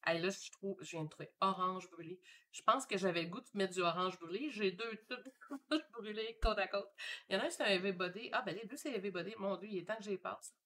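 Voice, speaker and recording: A woman's voice: medium pitch, fairly quick. A woman with a Québécois French accent, chatting casually and thinking aloud while she paints live from her home studio. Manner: chatty and relaxed, thinking aloud with many fillers. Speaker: painter hosting a live stream.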